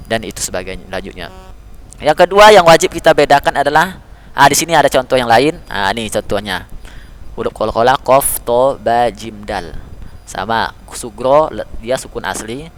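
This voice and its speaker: A man teaching tajweed, repeating letter sounds slowly and patiently, speaking as a father figure to his pupils. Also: medium pitch, expressive. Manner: calls listeners "nak", speaks as a father figure. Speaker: Quran recitation teacher. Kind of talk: tajweed lesson.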